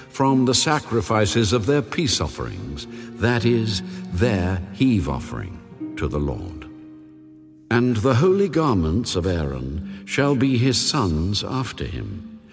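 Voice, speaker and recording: An actor playing God as a solemn, commanding male deity, giving sacred instructions deliberately in a dramatized audio Bible. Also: lowish voice. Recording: long reverb over background music. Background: music.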